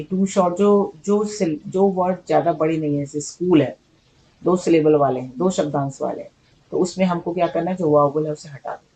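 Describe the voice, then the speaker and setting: A woman's voice: deep voice, mellow, rough recording. A woman teaching in a patient, explanatory way, repeating key words and checking in with her students. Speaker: English teacher. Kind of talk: explanatory video lesson.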